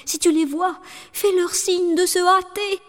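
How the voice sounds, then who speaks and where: A woman voicing a terrified young wife who pleads in a high, trembling voice in a storybook reading. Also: fairly even intonation, a little slow, big-room sound. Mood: calling.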